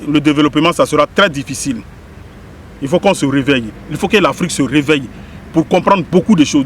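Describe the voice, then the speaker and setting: Ivorian man, higher voice, preachy and insistent, outdoors with faint traffic behind. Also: fairly bright tone. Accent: Ivorian French. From Ivory Coast. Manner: preachy, repeating and questioning the listener. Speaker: spiritual medium giving a public message. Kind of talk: impassioned direct-to-camera address.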